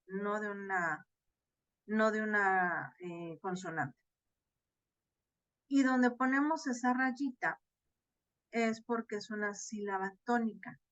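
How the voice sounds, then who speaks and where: A woman's voice: mid-range voice, fairly bright tone, dry recording. Woman tutor on a video call. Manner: explanatory, many fillers and tag questions. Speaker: online course tutor. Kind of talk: virtual class lecture. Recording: slightly dull, dry video-call audio.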